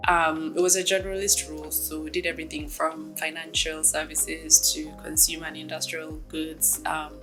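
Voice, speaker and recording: A Kenyan woman in her thirties, a startup executive, answers interview questions in a reflective, measured way with frequent ums. Her voice sits low and her delivery is flat, with music playing underneath.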